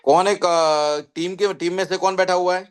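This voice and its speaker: A man organizing a webinar, briskly giving polite instructions and greetings to the attendees. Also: sits high, fairly even intonation, smooth. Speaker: academy head addressing the webinar. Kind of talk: webinar announcements. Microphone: online webinar call.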